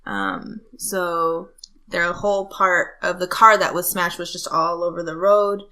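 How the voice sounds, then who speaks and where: A woman's voice: on the low side, animated, a little slow, sharp tone. A woman guest on a podcast, casually telling a rambling story with lots of ums. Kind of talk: casual chat.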